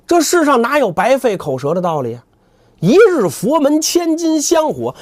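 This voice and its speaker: A brash, cynical temple sweeper monk played by a male storyteller with a highish, very animated voice. He hectors in street-level colloquial speech, firing rhetorical questions about money. The sound is close and dry. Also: breathy edge, dry recording.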